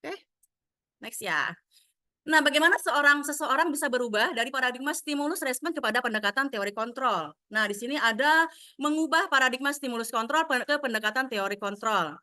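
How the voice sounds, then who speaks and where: Bright-voiced woman teacher explaining. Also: high-pitched, expressive, brisk, dry recording, studio quality. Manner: acts out quoted scolding lines from parents and children; explanatory, addresses listeners directly. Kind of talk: explaining a training module to fellow teachers.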